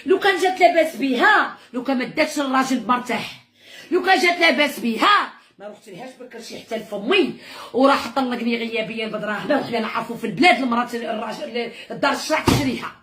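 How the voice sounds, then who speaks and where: A woman pours out her grievances in angry crying. Her voice is high and her words come fast and pleading. The room echoes around her. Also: expressive, fairly bright tone. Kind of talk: emotional personal venting. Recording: echoey room, clearly noisy recording.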